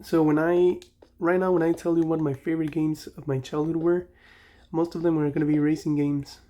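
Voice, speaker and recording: Speaking a little fast in a level, dark-toned voice on the high side, this young Mexican-accented man runs a gaming channel. While playing, he rambles casually about the past and often backtracks to correct himself.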